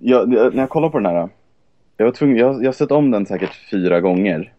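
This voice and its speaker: A man's voice: on the low side, expressive, dry recording, highs cut off. A man co-hosting a casual podcast who talks hesitantly, repeating words as he searches for them. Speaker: podcast co-host. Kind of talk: casual chat about film trailers.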